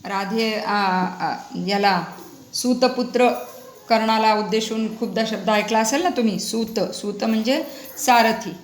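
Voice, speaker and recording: A woman teaching a Sanskrit play, reciting each line slowly and then explaining it, often checking that the students follow. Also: on the high side. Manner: often checks understanding with the class. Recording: roomy echo.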